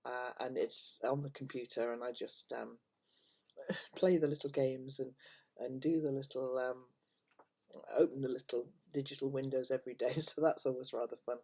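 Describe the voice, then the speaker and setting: An older woman speaks to camera in a casual, rambling chat. Her delivery is hesitant and meandering, and her phrases often trail away softly at the end. It sounds like an informal vlog made at home. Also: very deep voice, fairly even intonation, normal speed, husky. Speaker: vlogger chatting to viewers. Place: at home, indoors.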